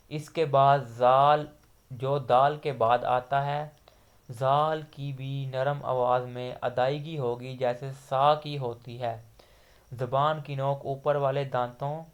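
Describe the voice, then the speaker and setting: Male recitation teacher with a Pakistani Urdu accent, smooth clear voice, mid pitch, patient step-by-step explanation. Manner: patient, explains letter sounds step by step, drawing out example letters. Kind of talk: slow explanatory lesson.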